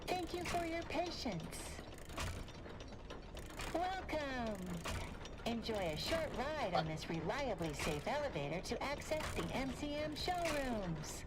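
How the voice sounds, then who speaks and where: A woman's voice: high voice, big pitch swings, slow, very noisy, full character voice. Glitching robot elevator lady, voiced by a woman. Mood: glitching announcer. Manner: repeats stock announcements, stuck on error messages. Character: glitching female robot elevator announcer, polite.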